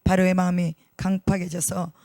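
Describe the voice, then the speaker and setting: A man's voice: high-pitched, little pitch movement, moderate pace, darkish tone, no room sound, clean studio sound. A man preaching a sermon as pastor, emphatic, repeating key words and putting rhetorical questions to the congregation.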